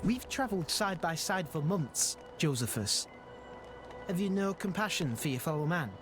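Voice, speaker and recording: Earnest young sailor. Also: male voice, on the high side, very animated, moderate pace. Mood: pleading. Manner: earnest, compassionate. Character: kind-hearted young male sailor. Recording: game audio with clear music behind.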